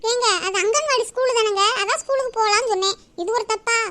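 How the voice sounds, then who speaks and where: A woman's voice: extremely high pitch, fast, fairly bright tone. A woman playing a young mother, coaxing and scolding her child. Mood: complaining.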